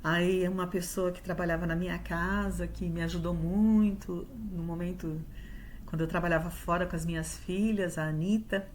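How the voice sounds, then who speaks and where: A woman's voice: on the low side, fairly even intonation, normal speed, darkish tone, a little hiss or hum. A woman with a Brazilian Portuguese accent gives a heartfelt sermon testimony at a church service, telling her story with acted-out dialogue. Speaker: church speaker giving a testimony.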